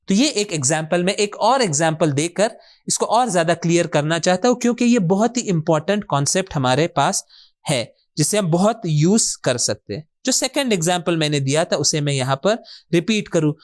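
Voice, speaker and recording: A man's voice: fairly high pitch, expressive. Patient male teacher quizzing himself aloud. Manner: patient, asks questions and answers them himself, repeats words slowly; mixes English words into his speech. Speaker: Quran and Arabic grammar teacher. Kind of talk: recorded classroom lesson explanation.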